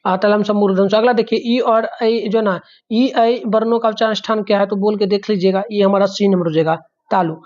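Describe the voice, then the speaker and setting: A man teacher going through exam answers, sounding out letters slowly and often calling to the children. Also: sits high, steady tone, darkish tone, lo-fi sound. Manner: drawn-out repeated sounds, frequent fillers, addresses the children.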